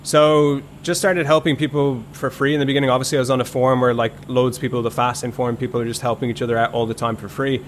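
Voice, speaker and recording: A man's voice: medium pitch, fast, few pauses. A man, in his thirties, chats at an easy pace as a podcast guest. His talk rambles loosely and is full of "like" and small restarts. A faint hiss of noise sits under his voice. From Ireland. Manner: relaxed, rambling, many "like" fillers. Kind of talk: casual conversational storytelling.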